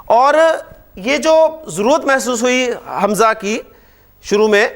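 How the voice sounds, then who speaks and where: Man, high voice, classroom grammar lecture, keeps asking the class if it's clear. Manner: animated, asks the class frequent check questions. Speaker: Arabic grammar teacher.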